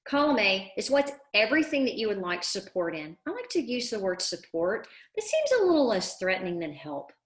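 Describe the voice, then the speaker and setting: A woman's voice: mid-range voice, very animated, fairly quick, few pauses. A middle-aged woman coaching parents in a live online class, earnest and emphatic, repeating words for stress. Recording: echoey room.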